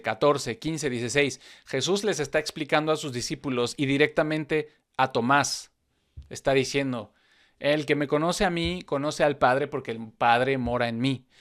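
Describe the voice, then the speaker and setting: A man's voice: medium pitch, fairly bright tone. Man reading and explaining scripture. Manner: reads scripture aloud, then explains it conversationally. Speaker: Bible teacher. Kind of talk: Bible reading and commentary.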